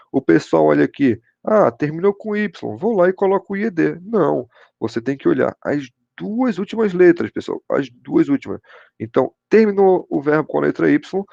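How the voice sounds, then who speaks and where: Here a man with a slightly high, gravelly, warm voice leads an online English grammar lesson, his Brazilian Portuguese accent clear. Frequent check-ins with students are peppered with repeated "pessoal" and "show de bola." The audio is dull and has no room sound.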